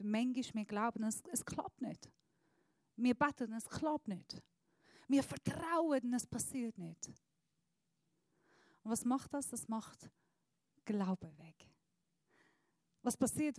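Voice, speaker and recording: A woman preaches a searching, earnest sermon in a fairly high voice. She often sinks into a soft, low tone. The sound is dry, with almost no room echo.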